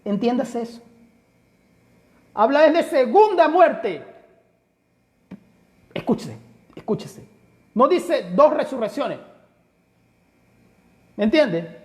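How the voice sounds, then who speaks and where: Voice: high-pitched, lively intonation, slow pace, pauses often. A Bible teacher giving a study lecture, emphatic and full of rhetorical questions, often addressing listeners as brother. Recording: long hall reverb.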